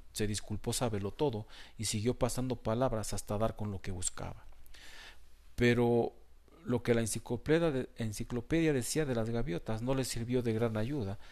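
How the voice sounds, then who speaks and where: Man reading a children's book aloud. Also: medium pitch. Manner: measured, even storytelling. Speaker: narrator. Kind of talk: scripted audiobook narration.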